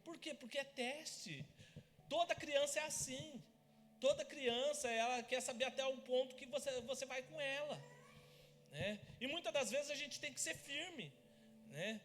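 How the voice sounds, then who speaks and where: A man preaching in church, telling family stories in a lively way. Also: very high-pitched, a little slow, a little hiss or hum. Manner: lively storytelling, acts out family scenes. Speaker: pastor. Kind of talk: sermon with personal stories. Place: church hall. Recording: church hall reverb.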